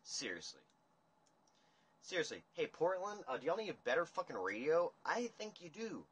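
Man, livestream chat, profane rambling rants, forceful husky voice, slightly high. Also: very animated, normal speed. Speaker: livestream host. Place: dim room indoors. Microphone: phone camera at table.

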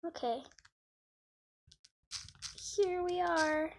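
A woman's voice: very high voice, extremely slow, a little hiss or hum. A young female gamer chatting casually while she plays a roleplay game, talking through each thing she does. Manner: chatty, narrates her own actions. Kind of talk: casual gameplay commentary.

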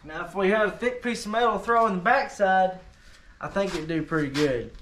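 High-pitched and fairly bright, a man's voice comes through at normal speed with a little hiss or hum. He hosts a casual unboxing and testing vlog in his workshop by a truck, rambling offhandedly and using lots of fillers.

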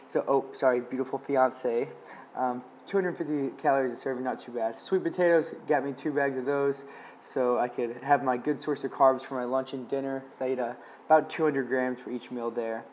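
A young man in a casual how-to vlog, upbeat and instructive, walking viewers through cooking step by step. His voice sits at an ordinary middle pitch. A faint hum of ambience sits behind him, picked up by a camera mic in a home kitchen. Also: a little mellow. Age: young adult. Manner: upbeat, instructive, keeps saying okay. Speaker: medical student vlogger. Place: home kitchen indoors and grocery store.

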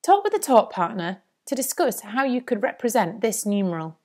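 Lively singsong woman teaching young children. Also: a little high, normal speed. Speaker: primary school maths teacher. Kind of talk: scripted lesson presentation for young children.

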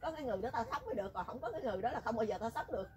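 A woman's voice: a little high, animated, racing, darkish tone. A woman telling a story in casual chat, teasing and talkative. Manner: chatty, teasing, rural colloquial speech.

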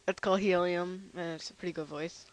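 A man's voice: sits high, fairly even intonation, poor audio. Tired young man rambling through a demo. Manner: rambling, halting with many fillers. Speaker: channel host. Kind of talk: casual software demo.

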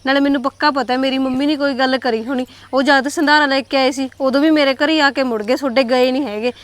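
High, quick young Punjabi woman. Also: fairly even intonation. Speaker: married niece. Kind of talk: village family drama acting.

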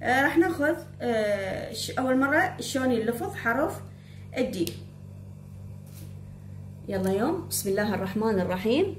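An Iraqi woman gives a spoken blackboard lesson, her voice slightly high. She goes slowly and repeats herself, calling on her pupils to look and listen. The room echoes, with a faint hum behind her. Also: animated. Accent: Iraqi Arabic. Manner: slow, repeating, addresses pupils directly. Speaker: English teacher.

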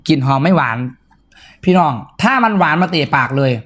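A man with a northeastern Thai Isan accent giving a loud, excitable live-stream sales pitch, breaking into sudden high squeals. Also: a little fast.

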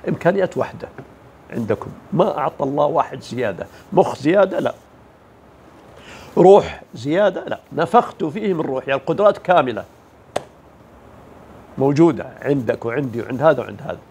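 A man's voice: mid-range voice, expressive, a little fast, long pauses, a little mellow, slight background noise. A man giving a motivational religious talk, emphatic, asking rhetorical questions and mimicking the people he describes. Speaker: motivational speaker.

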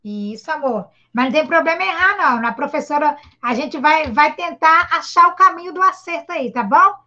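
Brazilian female teacher, high-pitched, patient and encouraging, syllable-by-syllable reading lesson, muffled video-call sound. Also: animated, moderate pace, pushed and bright. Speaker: primary school teacher. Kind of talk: online literacy lesson for a child. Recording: dull lo-fi video call audio.

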